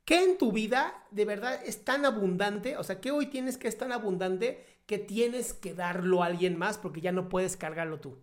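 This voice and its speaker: A woman's voice: medium pitch, normal speed, hardly any pauses. Emphatic woman giving life advice. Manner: emphatic, acts out quotes, playful. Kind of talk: casual advice conversation.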